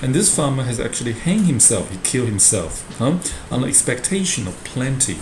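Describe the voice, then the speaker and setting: A man's voice: mid-range voice, sing-song, a little fast. A man lecturing like a professor to students, explaining a play text and often adding short tag questions. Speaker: university lecturer teaching a Shakespeare class. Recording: roomy echo with clear background noise.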